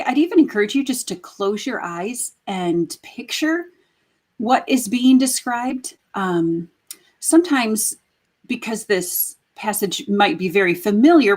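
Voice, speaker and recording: A woman hosting a daily church devotional, speaking gently and unhurriedly with soft fillers as she reflects and reads scripture aloud. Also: medium pitch. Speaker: devotional host.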